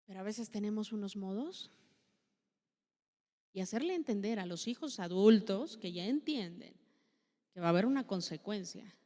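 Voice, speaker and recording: A woman's voice: medium pitch, expressive, moderate pace, pauses often, mellow. A woman with a Mexican accent gives a chatty, conversational sermon at a women's church meeting and asks many rhetorical questions. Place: church hall. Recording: long hall reverb.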